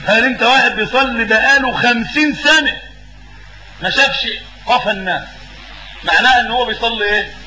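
A man's voice: high voice, echoey room, noisy background. A man with an Egyptian accent giving a religious lesson as a preacher. He asks questions and fills in the answers himself, and he repeats words for emphasis. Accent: Egyptian Arabic.

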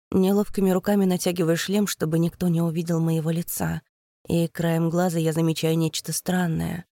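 A woman's voice: fairly low pitch, warm tone, dry recording, clean studio sound. A woman narrating a first-person fantasy audiobook in a tense, dramatic reading.

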